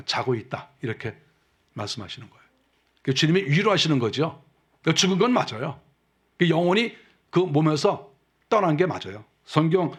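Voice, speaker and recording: Korean pastor, conversational sermon. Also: male voice. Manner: conversational preaching with rhetorical questions; acts out quotes softly and lower.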